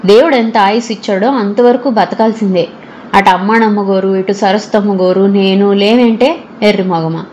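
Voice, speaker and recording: A blunt, earthy old village woman, voiced by a woman narrator, scolding in a loud, rough-spoken rush. She is a brash storybook character, read over faint noise. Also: medium pitch, fairly even intonation, moderate pace, lightly acted.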